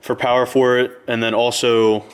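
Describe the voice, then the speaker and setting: The host of a car build channel, a man, runs a casual how-to vlog from a garage, inside a vehicle, explaining his work in an easygoing, chatty way. His voice is smooth and medium-pitched, with a level tone and moderate pace.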